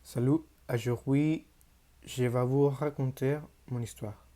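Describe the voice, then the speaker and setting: A teenage boy from Mexico, a native Spanish speaker with a Mexican Spanish accent, reading a prepared class presentation in a careful, halting learner's way. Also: medium pitch, fairly even intonation, dark tone. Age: teens. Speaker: high school student.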